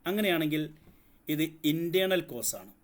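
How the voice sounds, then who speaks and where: A man's voice: fairly high pitch, animated, moderate pace. A man teaching a psychology lesson, explaining step by step, asking the class questions and mixing in English terms. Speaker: psychology tutor. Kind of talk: lecture.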